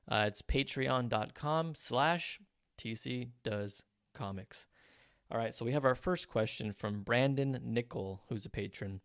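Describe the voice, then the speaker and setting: A man of Mexican heritage hosts his own podcast, talking casually solo with strong opinions and plenty of ums and uhs. His fairly low voice is captured at studio quality with no echo.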